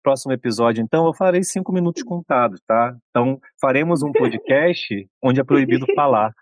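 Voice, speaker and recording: A man in his thirties, co-host of a podcast, retelling a film at length in casual talk and voicing its characters in a raised pitch. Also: lively intonation, a little fast, no echo. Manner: long retelling, acts out quoted lines in raised pitch.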